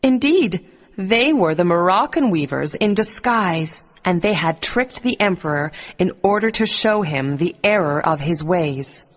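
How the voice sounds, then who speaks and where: A woman reading a scripted bedtime story for children in a clear, expressive storybook delivery. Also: on the low side, a little slow, few pauses.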